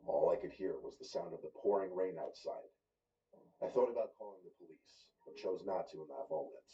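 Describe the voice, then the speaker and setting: A man narrates a true horror story in a low, dark voice. His delivery is steady and grave. The sound is muffled and distant, as if replayed from a video. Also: a little fast.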